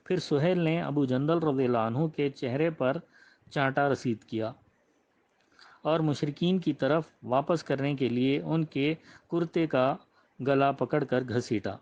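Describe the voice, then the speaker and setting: A man's voice: medium pitch, a little mellow. Man reading a religious biography. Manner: measured and reverent, with frequent honorifics. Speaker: religious history reader. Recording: slightly muffled, dull audio.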